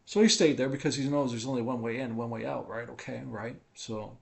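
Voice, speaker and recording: A man's voice: medium pitch, a little fast, creaky. A man in a home living room, casually telling a personal testimony, rambling and checking in with "right?" and "okay?".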